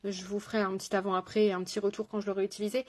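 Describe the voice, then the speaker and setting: Speaking very fast in a level, medium-pitched voice, a woman with a French accent runs a live makeup tutorial. She's chatty, says hello to viewers and makes self-mocking asides.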